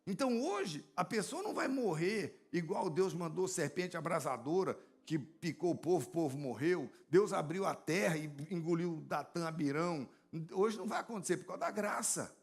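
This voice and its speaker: A man's voice: a little high, lively intonation, normal speed, hardly any pauses, slightly rough. A man preaching a sermon as a pastor, telling stories and speaking directly to the congregation. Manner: conversational storytelling preaching, addresses congregation directly.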